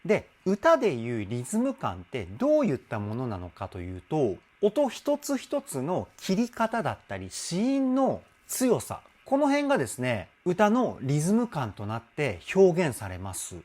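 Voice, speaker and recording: A man's voice: on the high side, wildly swooping pitch. A man working as a vocal coach, giving casual commentary on a song and explaining singing technique with enthusiastic admiration. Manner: speaks with soft drawn-out "uun" sounds while listening.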